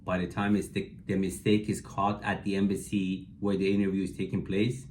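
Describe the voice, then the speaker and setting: A man working as an immigration attorney, explaining in a measured, practical way and hedging his predictions, with frequent fillers. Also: sits low, level tone, darkish tone, slight background noise. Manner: hedges his predictions as opinion. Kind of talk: explanatory talk to camera.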